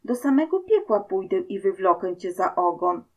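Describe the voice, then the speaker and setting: A woman's voice: mid-range voice, big pitch swings, moderate pace, a little mellow. A woman voicing a bold, crafty male coal miner who speaks in a mocking, boisterous way. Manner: mocking, boisterous dialect speech.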